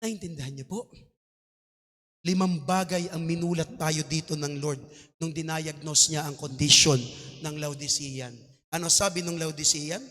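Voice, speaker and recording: A male pastor with a Filipino accent preaching a sermon, mixing Tagalog and English and building to loud exhortations. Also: on the high side, fairly even intonation, measured pace. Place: church hall. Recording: long hall reverb.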